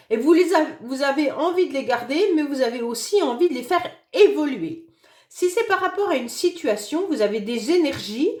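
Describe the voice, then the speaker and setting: Hoarse woman tarot reader, high voice, gentle reassuring delivery, echoey room. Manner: gentle, reassuring, fond of "d'accord?" and "hein". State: hoarse voice after illness, occasional cough. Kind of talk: monthly astrology reading for a sign.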